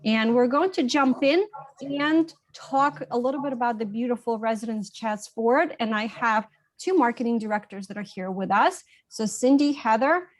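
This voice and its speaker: A woman hosting an informal online workshop, introducing the session as a senior living specialist. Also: a little high. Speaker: host, senior living specialist and real estate agent. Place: online video call with shared screen.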